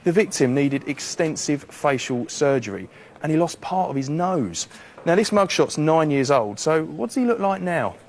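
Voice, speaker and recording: A man presenting from a television studio, reading out wanted suspects in a brisk, matter-of-fact way. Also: on the high side, big pitch swings, a little hiss or hum.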